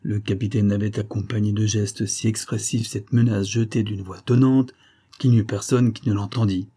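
A man narrating an adventure novel in a measured, dramatic reading. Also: fairly low pitch, fairly even intonation, warm tone, husky. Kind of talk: scripted audiobook narration.

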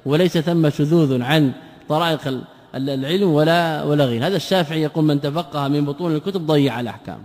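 Male religious lecturer, somewhat high voice, rhetorical questions and repetition, long hall reverb. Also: quick pace, a little mellow. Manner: asks rhetorical questions and answers them himself; repeats phrases for emphasis. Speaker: Islamic scholar teaching a text. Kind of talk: classroom lecture on a classical text.

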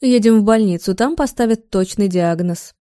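Woman voicing a brisk, bossy female doctor. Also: medium pitch, dark tone, no room sound, studio quality, close to an everyday voice.

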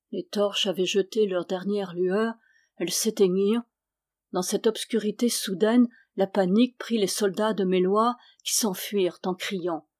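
A woman's voice: medium pitch, a little mellow. Woman reading a historical novel aloud. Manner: lifts and raises the voice for quoted characters. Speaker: audiobook reader. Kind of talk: scripted narration of a historical novel.

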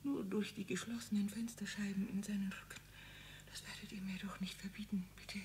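An actress playing an aging mother who desperately pleads, mostly in hushed whispers, to be let in to her dying husband in a radio play. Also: medium pitch, little pitch movement, a little fast, noisy background, lightly acted. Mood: whispered begging. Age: older.

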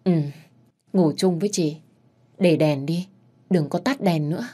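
A woman's voice: fairly low pitch, unhurried, mellow, husky. A woman voicing a caring older sister figure who asks anxious questions. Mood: soothing.

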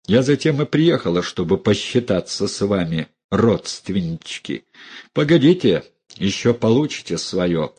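A man's voice: lowish voice, very animated, measured pace, a little mellow, slightly rough, full character voice. A man voicing a furious, defiant young woman who hurls scornful accusations at her relatives.

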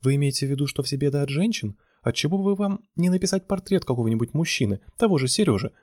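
Man doing a prickly young woman, raised, curt, husky edge. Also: mid-range voice, lively intonation, fairly quick, dry recording, clean studio sound, lightly acted. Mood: sarcastic. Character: sharp-tongued blunt young woman.

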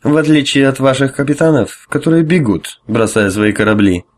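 A man voicing a drunk, arrogant high priest who drawls and hesitates. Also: lively intonation, normal speed. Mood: sneering. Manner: slurred, drawling, with hiccups and hesitations.

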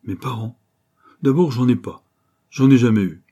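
A man's voice: mid-range voice, normal speed, mellow, slightly rough, pitched above the performer's own voice, lightly acted. A man voicing a bold, streetwise street urchin boy with slangy, boastful patter. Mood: cocky.

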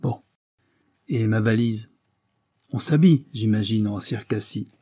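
A man's voice: on the low side, measured pace, mellow, no room sound, studio quality. A man voicing an impulsive, exuberant young man eager to travel. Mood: jovial. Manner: exuberant, insistent.

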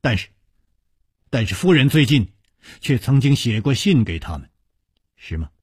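A man voicing a calm, proud young swordsman in a told story, speaking in a subdued, measured way. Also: mid-range voice, slightly rough, no echo, studio quality. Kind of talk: storytelling broadcast.

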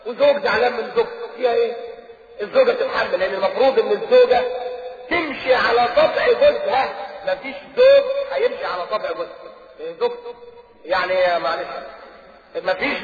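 A man with an Egyptian Arabic accent preaching a lively colloquial sermon, joking and mimicking voices as he talks. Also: very high voice. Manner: animated, mimics voices, jokes with audience. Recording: distant echoey hall, muffled old tape.

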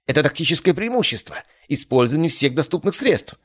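A reckless young swordsman in a mask, voiced by a male narrator. His voice rides high and eager, boastful with a nervous edge. The booth sound is dry and close. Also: fairly quick, no echo. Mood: flustered. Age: young adult. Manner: excited, boastful, nervous in turns. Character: cocky young masked male swordsman, manic and thrill-seeking.

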